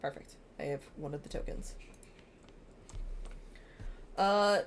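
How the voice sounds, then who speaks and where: A woman casually playing through a game, reading its text aloud and dropping in offhand asides. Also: mid-range voice. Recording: clear background noise.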